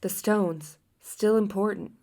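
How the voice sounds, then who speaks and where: A woman's voice: mid-range voice, fairly even intonation, takes it slowly, mellow. A sleepy woman co-hosting a podcast in casual chat. She asks curious questions and fills her sentences with little fillers. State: sleepy, yawning. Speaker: podcast co-host.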